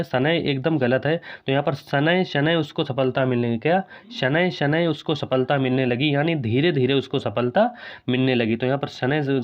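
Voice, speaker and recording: A man teaching a Hindi grammar lesson for an exam, repeating each corrected sentence and asking quick questions of his students. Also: medium pitch, dull audio. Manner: addresses viewers as "saathiyon".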